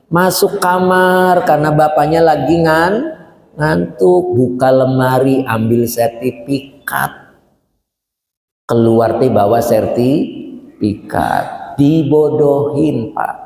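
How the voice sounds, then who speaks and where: Lively preacher in an echoey hall. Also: male voice, mid-range voice. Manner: lively storytelling, addresses listeners as Bapak and Ibu. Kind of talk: sermon. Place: mosque or hall gathering. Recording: roomy hall echo.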